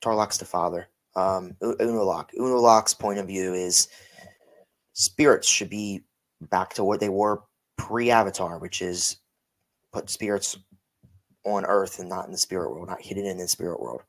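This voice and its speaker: A man's voice: low voice, moderate pace. A tired man co-hosting a casual podcast chat, rambling and correcting himself as he goes. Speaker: podcast co-host.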